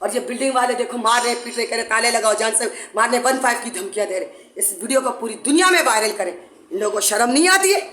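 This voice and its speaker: Woman, high voice, urgent accusing appeal, echoey room at home. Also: quick pace, a bit bright. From Pakistan. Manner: urgent, accusing, repetitive pleading. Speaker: mother making a public appeal. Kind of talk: impassioned complaint to camera. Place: her home, indoors.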